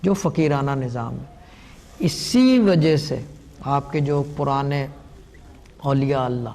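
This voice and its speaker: A man giving spiritual advice on a call-in show, explaining calmly and unhurriedly and mixing in English words. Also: mid-range voice, in a large hall. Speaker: Sufi spiritual guide.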